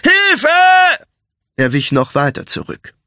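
A man narrating a fantasy audiobook in an even, measured storytelling voice. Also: mid-range voice, no echo, clean studio sound.

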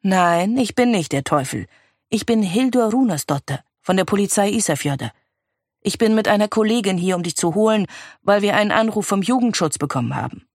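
Read by a narrator putting her on, a stern policewoman snaps out curt orders in a raised, clipped voice with a gravelly edge. She sounds cool and cutting, the brisk officer of an audiobook crime story, heard close in a dry room. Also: mid-range voice, lively intonation, dry recording.

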